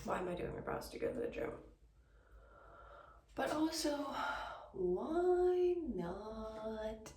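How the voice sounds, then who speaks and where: A woman's voice: a little high, big pitch swings, takes it slowly, pauses often, mellow. A woman vlogging on her phone at home, chatting casually in a rambling, self-deprecating way. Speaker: vlogger and photographer. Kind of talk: casual vlog chat. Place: at home, indoors. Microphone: phone held by the speaker. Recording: roomy, distant phone audio with faint noise.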